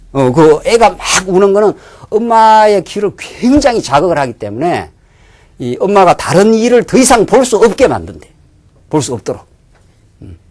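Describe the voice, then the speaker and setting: A man preaching a sermon in a church, asking his listeners questions and answering them himself, sometimes dropping to a hushed near-whisper. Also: high-pitched. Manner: drops to a hushed near-whisper for inner thoughts. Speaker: pastor.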